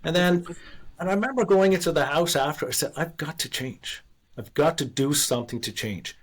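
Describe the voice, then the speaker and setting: On the high side and fairly quick, this voice belongs to a former investor and author from Canada in his sixties. As an interview guest, he relates his story with candor and earnestness, full of restarts and self-deprecating laughter.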